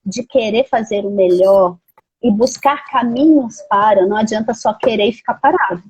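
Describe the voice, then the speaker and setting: A woman, a guest in a casual conversation, speaking in a measured, reflective way. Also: mid-range voice, darkish tone, slightly rough, rough recording. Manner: measured, reflective, many fillers like "assim" and "né".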